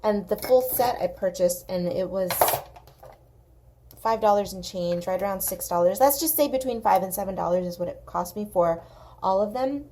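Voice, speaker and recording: Slightly gravelly Southern California woman. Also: medium pitch, normal speed, dark tone. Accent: Southern Californian, slight Valley girl. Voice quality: slightly gravelly, with occasional vocal fry. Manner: informal, emphatic, repeats herself for emphasis. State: dry throat. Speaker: coloring tutorial host. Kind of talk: casual, chatty craft commentary. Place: indoors at a craft desk. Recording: clear background noise.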